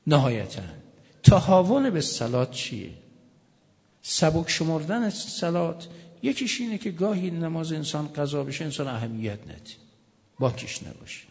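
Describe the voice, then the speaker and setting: A man's voice: on the high side, sing-song, creaky, a little mellow, in a large hall. A male cleric preaching a sermon, telling stories with joking asides. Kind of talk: sermon with anecdotes.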